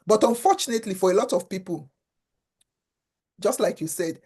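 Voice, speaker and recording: A woman originally from Africa, the founder of a foundation, is a guest in a conversational interview, speaking earnestly and often repeating words as she finds them. Her mid-range voice is expressive and slightly rough with a darkish tone, and she talks at normal speed.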